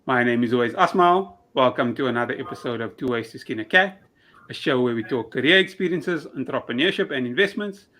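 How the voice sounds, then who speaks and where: A man's voice: mid-range voice, expressive, fairly quick, pushed and bright. A man hosting an interview podcast, giving an upbeat, scripted welcome and asking questions. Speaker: show host. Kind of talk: podcast host intro and questions.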